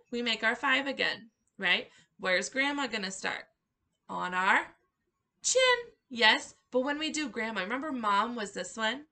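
A woman's voice: on the high side, sharp tone. A woman leading a circle-time lesson for young children, praising them in an encouraging, cheerful way. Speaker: preschool circle-time teacher.

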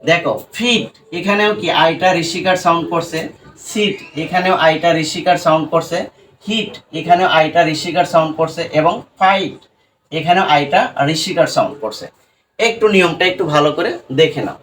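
A man's voice: fairly high pitch, moderate pace, a bit bright. A man teaching an English lesson who keeps asking his students questions and answering them himself, often ending with "right?". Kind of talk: classroom-style spoken lesson. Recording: distant mic with faint room noise.

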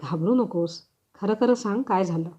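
A woman voicing a kind, calm advocate who asks gentle, reassuring questions, on a slightly dull recording. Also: medium pitch, moderate pace, slightly rough, lightly acted.

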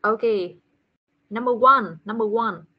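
A woman with a Vietnamese accent teaching English to a child in an online class, slowly repeating words for the child to copy. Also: on the high side, husky. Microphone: video call. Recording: dull lo-fi call audio.

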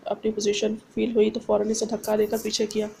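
A woman narrating a romance novel aloud at an even, steady pace. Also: medium pitch, fairly quick, gravelly, slight background noise. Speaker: audiobook narrator. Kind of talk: novel reading.

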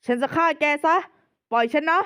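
A woman's voice: brisk, bright, forceful tone, lightly acted. A woman voicing a wounded young man in a manga recap, defensive and agitated.

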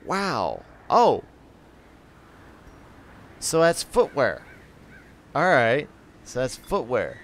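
A man giving casual gameplay commentary, reading item text aloud and thinking out loud as he sorts his party. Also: mid-range voice, wildly swooping pitch, very slow, long pauses. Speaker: gaming channel host.

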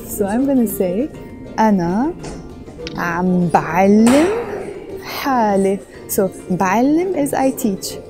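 A language teacher in her thirties with a mid-range voice gives a vlog lesson through an earphone headset mic. She starts soft-spoken and a bit shy in a train station, then becomes louder and brighter out on a busy street.

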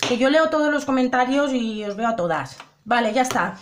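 A woman's voice: a little high, lively intonation, fairly quick, slight background noise. A young woman chatting casually to her viewers through a makeup tutorial, often repeating and asking if they see. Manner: chatty, addresses viewers directly, repeats herself. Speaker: beauty vlogger.

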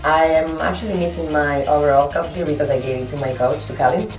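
A Slovak-accented woman in her late twenties with a low voice, talking plainly in short, halting bursts. She sounds a few meters from the camera in a small kitchen, with room echo and music playing behind her. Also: fairly even intonation, darkish tone, distant mic. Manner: plain, halting speech with fillers and repeated words. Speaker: fitness competitor. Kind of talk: casual home video chat and cooking demo. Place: small home kitchen and living room, indoors. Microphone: camera mic from a few meters away.

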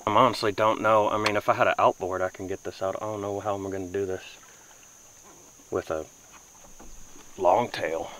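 A young fishing vlogger with a lowish, steady, slightly bright voice talks to camera at normal speed, leaving long pauses. He uses folksy, informal phrasing from a small boat on a river. A camera mic at close to mid distance makes a low-quality recording with faint insects and ambient noise.

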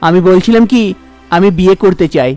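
A woman's voice: fairly low pitch, a little fast, mellow, clear, resonant tone, faint music behind, close to an everyday voice. A woman voicing an anxious young man in a cartoon, pleading and worried.

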